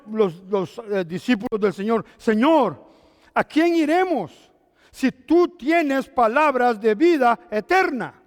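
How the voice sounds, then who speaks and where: A male pastor preaches a lively sermon, his voice sitting very high. He peppers the congregation with rhetorical questions and jokes. The sound carries a long hall reverb.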